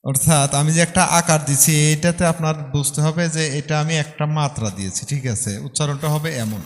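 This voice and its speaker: A man with a Bangladeshi Bengali accent teaching a music lesson, patiently explaining the rhythm, counting beats aloud and singing short phrases slowly. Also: fairly high pitch, in a large hall.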